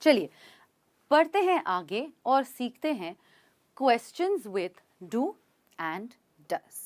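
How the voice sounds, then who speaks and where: Slow, lively woman teaching English. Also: on the high side. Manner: reads English examples slowly and clearly, explains in Hindi; checks in with listeners often. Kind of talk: bilingual spoken English lesson.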